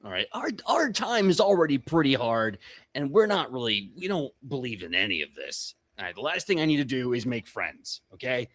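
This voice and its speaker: A blunt, confrontational orc warrior woman, put on by a man, brusque and quick to threaten. The voice swings up and down as she challenges strangers. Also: mid-range voice, sing-song, fairly bright tone. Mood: curt. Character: huge, short-tempered female orc warrior leader.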